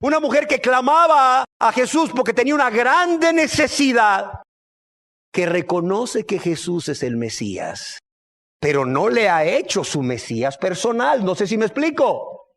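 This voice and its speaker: A male pastor preaching a sermon, animated, asking the congregation rhetorical questions and swinging from loud to hushed. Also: high-pitched, measured pace.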